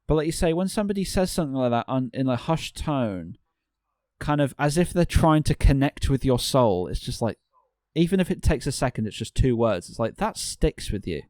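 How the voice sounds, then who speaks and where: A man's voice: medium pitch, animated, fairly quick, darkish tone, no room sound, studio quality. A man, a podcast guest, talking in casual chat with many restarts and fillers.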